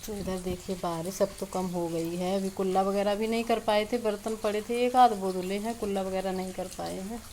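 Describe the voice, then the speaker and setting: A woman's voice: medium pitch, fairly even intonation, a little fast, few pauses, warm tone, a little hiss or hum, low-quality recording. A woman talking casually in a home vlog, rambling with many fillers. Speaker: village vlogger. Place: rural home, rain outside.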